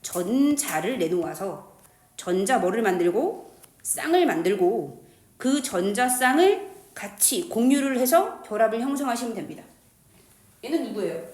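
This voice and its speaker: This chemistry teacher speaks at normal speed in a sing-song voice that sits on the high side and sounds a little mellow. The room is echoey, and her lively lecture mixes slang and crude jokes as she asks the class questions and answers them herself.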